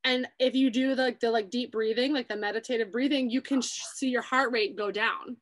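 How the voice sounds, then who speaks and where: A woman's voice: a little high, fairly even intonation, fairly quick. Chatty young woman hosting a casual talk. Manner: chatty, many "like" fillers. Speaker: YouTube host. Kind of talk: casual chat. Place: New York City.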